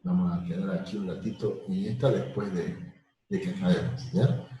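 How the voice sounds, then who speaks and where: A man teaching a live online math lesson, explaining slowly with repetitions and everyday examples. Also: low voice, mellow, highs cut off, faint music behind. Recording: very echoey room.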